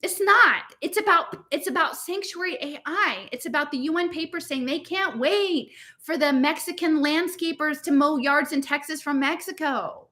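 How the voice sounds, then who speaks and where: An American woman's high, pushed and bright voice moves at a moderate pace with hardly any pauses as she reads her blog on her podcast and adds commentary. Informal and impassioned, she addresses online listeners emphatically, exasperated and rambling via rhetorical questions.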